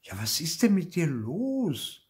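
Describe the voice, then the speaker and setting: An older man reading aloud, voicing an excitable, insistent little girl in a storybook. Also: takes it slowly, heavily acted. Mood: wondering. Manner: shrill, wide-eyed and insistent.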